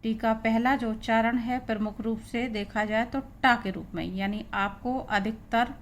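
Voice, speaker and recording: A woman's voice: a little high, steady tone, moderate pace, a little hiss or hum. A woman with an Indian accent teaching English pronunciation, spelling words letter by letter and repeating each sound. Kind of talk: classroom pronunciation lesson.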